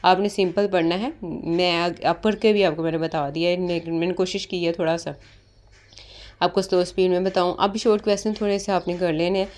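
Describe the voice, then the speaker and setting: A woman's voice: lowish voice, steady tone, brisk, a little mellow. A woman giving a casual spoken lesson on interview preparation, explaining step by step and mixing in English terms. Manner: explains step by step, often repeats "ठीक है"; mixes English terms into Urdu. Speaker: interview prep tutor.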